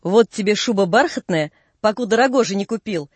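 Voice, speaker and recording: A woman's voice: mid-range voice, lively intonation, brisk, slightly rough, no echo. A woman voicing a foolish young boatman who teases crudely. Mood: mocking. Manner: mocking, teasing.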